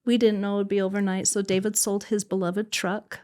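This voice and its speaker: A woman's voice: mid-range voice, level tone, a little fast, darkish tone. A woman, a podcast guest and adoptive mother, telling her personal story in conversation and acting out what other people said. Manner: vivid storyteller who acts out other people's words.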